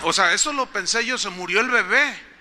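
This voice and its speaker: A man's voice: high-pitched, expressive, moderate pace, noisy background. A man preaching a sermon as pastor, telling a story and asking the congregation questions.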